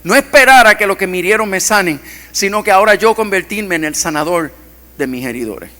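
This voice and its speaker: Male pastor, high and bright-toned, passionate sermon delivery that rises and drops to a near hush, church reverb. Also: animated, brisk. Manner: impassioned preaching, swings from loud to hushed. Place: church hall. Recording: long church-hall reverb.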